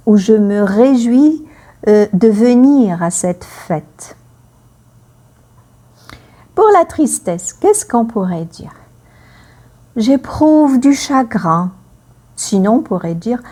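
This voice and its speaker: Slow, lively French teacher woman. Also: on the high side. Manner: slow and clear, repeats phrases for learners. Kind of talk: slow language lesson with example phrases.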